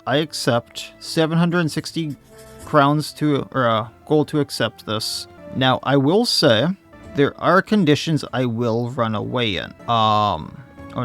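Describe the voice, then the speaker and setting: A man's voice: medium pitch, fairly bright tone. A man, slightly losing his voice, commenting casually on his own gameplay and thinking aloud as he plays. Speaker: let's play host.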